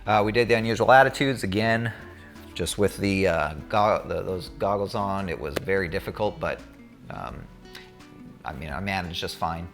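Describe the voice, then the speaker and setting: A man's voice: low-pitched, moderate pace, fairly bright tone, faint music behind. A man talking casually and candidly to viewers, recounting his own experience as a student pilot in a conversational way.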